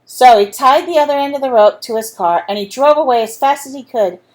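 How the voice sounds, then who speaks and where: A woman reading a picture book aloud to children in an animated, friendly way. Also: sits high, brisk. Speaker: storyteller for children.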